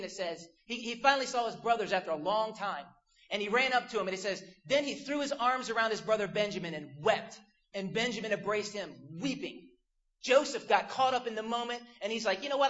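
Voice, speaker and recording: A man's voice: high voice, a bit bright, highs cut off. A man preaching a casual, joking youth sermon to a crowd of teens.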